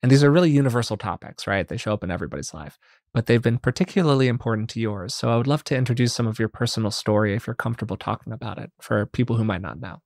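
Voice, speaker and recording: A man's voice: medium pitch, very fast, creaky, dry recording, clean studio sound. A man hosting a podcast, thoughtfully framing a guest's work and asking her to share her story. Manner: thoughtful, warm-up framing with tag questions. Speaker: podcast host. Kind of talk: interview introduction.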